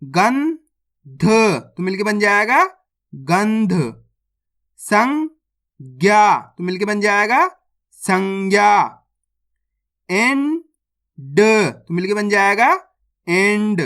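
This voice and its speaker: Slow, drawn-out reading teacher. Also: medium pitch, very animated, fairly bright tone. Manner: spells words syllable by syllable, then says them whole; addresses viewers as friends, asks if it is clear. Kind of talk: slow word-by-word reading lesson.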